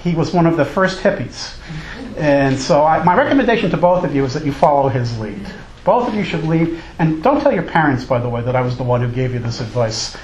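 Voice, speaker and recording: A male college teacher gives an informal, jokey lecture, teasing his class. His voice sits on the high side with big pitch swings, fairly quick and a little mellow, recorded in an echoey room with background noise.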